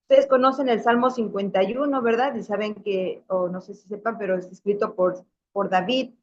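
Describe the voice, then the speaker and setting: A woman's voice: medium pitch, fairly even intonation, moderate pace. A middle-aged woman, a religious sister, teaching a Bible class in a chatty, anecdotal way, full of restarts and tag questions. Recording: dull, muffled lo-fi sound.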